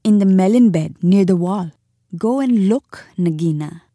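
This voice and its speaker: A woman's voice: mid-range voice, measured pace, warm tone, dry recording, studio quality, close to an everyday voice. A woman voicing a brave, boastful young male mongoose in a storybook reading. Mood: defiant. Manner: bold, cocky, chuckling.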